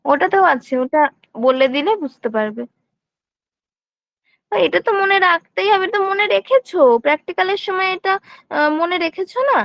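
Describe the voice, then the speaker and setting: A woman's voice: very high voice, normal speed, pauses often, no room sound, highs cut off. A woman teaching an online nursing lesson, explaining each step and answering her own questions, with frequent checks that students follow. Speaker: nursing exam tutor. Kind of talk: online lecture.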